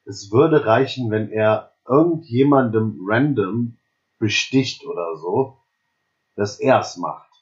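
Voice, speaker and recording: A man with a fairly low voice joins in a relaxed film discussion, adding trivia and short agreements. The recording sounds a bit dull and lo-fi. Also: slow pace. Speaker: podcast co-host. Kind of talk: casual chat.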